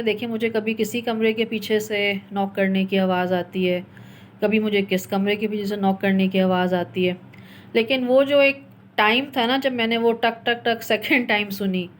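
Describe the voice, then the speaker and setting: Young woman from pakistan, chatty storyteller, drops english bits in while she tells creepy stuff. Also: mid-range voice. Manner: chatty, mixes English phrases into her telling. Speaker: storytelling podcast host. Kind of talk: casual paranormal storytelling.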